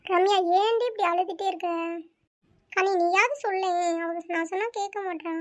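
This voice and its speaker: A woman's voice: extremely high pitch, steady tone, normal speed. A woman voicing a caring young woman who comforts a crying friend in a cartoon story, coaxing and soothing. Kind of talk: cartoon voice acting.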